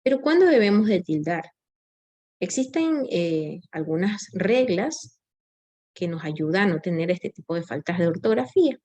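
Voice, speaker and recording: A woman's voice: lowish voice, very animated, normal speed, dark tone. A woman giving a recorded grammar lecture, explaining step by step with frequent tag questions and small self-corrections. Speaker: teacher.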